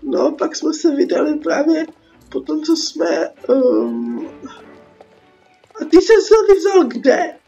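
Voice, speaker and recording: High in pitch yet dark in tone and marked by vocal fry, this young woman speaks with a Czech accent while nursing a cold. As host of a gaming video she rambles sarcastically in slang, her dull lo-fi voice laid over game music.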